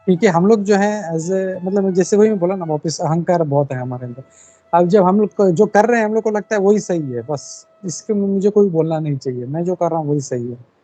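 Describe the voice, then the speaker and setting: A man's voice: high-pitched, fairly quick, dark tone, highs cut off, soft background music. A man leading a devotional scripture class in Hindi sprinkled with English, explaining earnestly and repeating his key points. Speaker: class leader.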